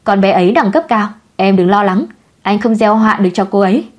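A woman's voice: medium pitch, a little fast, a little mellow, close to an everyday voice. A woman voicing a carefree, playful young man who teases and mocks himself. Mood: teasing. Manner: breezy, teasing. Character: easygoing playboy man, joking and self-mocking.

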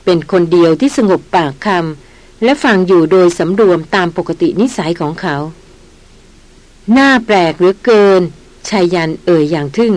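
A woman narrating an adventure novel as an audiobook in an even storytelling manner. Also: fairly low pitch, fairly quick.

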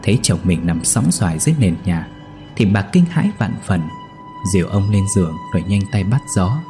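A man narrating a horror story in a slow, somber, scripted style. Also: low-pitched, expressive, warm tone, soft background music.

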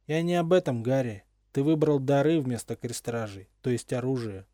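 An anxious, jealous young friend, as a male reader puts him on for a fan-made audiobook, insistent and agitated. The voice stays dark and mellow, close and dry with no room around it. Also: mid-range voice, normal speed, dry recording, close to an everyday voice. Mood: tense.

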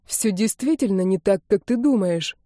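A woman's voice: medium pitch, lively intonation, moderate pace, dark tone, no room sound, clean studio sound, close to an everyday voice. A woman reading a proud young man who pleads firmly to be heard. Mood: pleading. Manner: pleading, firm.

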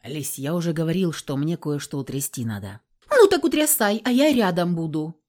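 A cocky rich young man, voiced by a woman reader in an audiobook. He speaks quietly and firmly in a pitch pushed well below her own. He is calm and does not give way. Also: normal speed. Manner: low, quiet, firm.

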